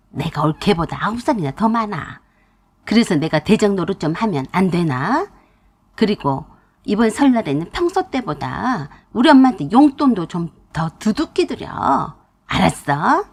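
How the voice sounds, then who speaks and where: Brief: woman playing a domineering middle-aged sister-in-law, husky voice, nagging in swinging tones. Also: mid-range voice.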